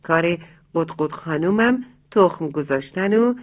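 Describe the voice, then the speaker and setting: A kindly father rooster in a bedtime storybook, explaining patiently and calmly, as the storyteller puts him on. The sound is thin and phone-like, squeezed into a narrow band. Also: mid-range voice, lightly acted. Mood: gentle, teaching. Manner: gently explaining, kind.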